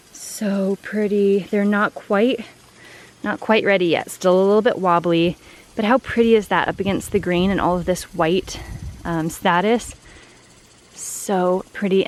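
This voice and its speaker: A woman flower farmer chatting casually to the camera while she harvests outdoors, upbeat and full of "like" and "um". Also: medium pitch. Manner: chatty and upbeat, lots of fillers like "like" and "um". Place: outdoors in a flower field on a farm. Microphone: camera set low on the ground.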